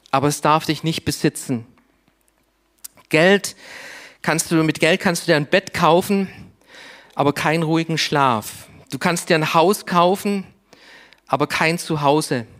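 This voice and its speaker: Male preacher, slightly high voice, unhurried pulpit delivery, soft low drops for emphasis. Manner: deliberate, with long pauses and sudden drops to a soft, low voice for emphasis. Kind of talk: sermon.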